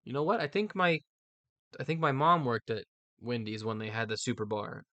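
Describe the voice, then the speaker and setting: Male American host, mid-pitched, rambling casual commentary with dry humor, recorded close with no room sound. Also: normal speed, pushed and bright, no room sound. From United States.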